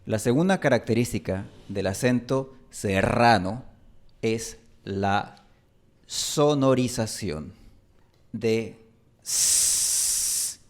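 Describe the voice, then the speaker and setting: This male language teacher has an Ecuadorian highland Spanish accent and works through example words slowly, spelling each one and repeating it.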